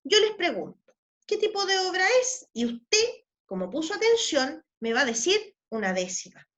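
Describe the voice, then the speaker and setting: A woman teaching a literature lesson, explaining step by step, often checking in with quick tag questions and counting out verses slowly. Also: sits high, sing-song, fairly bright tone, muffled recording. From Chile.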